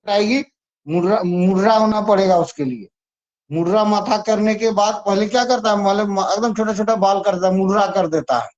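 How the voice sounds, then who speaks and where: A dull, lo-fi recording captures a man speaking at normal speed, his voice high and a little mellow. Chatty and repetitive, he teaches an exam-prep lesson, easing students through memory tricks.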